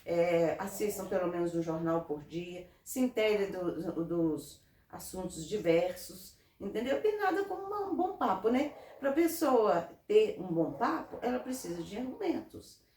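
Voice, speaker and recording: A woman from Brazil, a guest in an interview, giving earnest, animated advice in casual talk. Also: medium pitch, moderate pace. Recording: roomy, from a distance off mic.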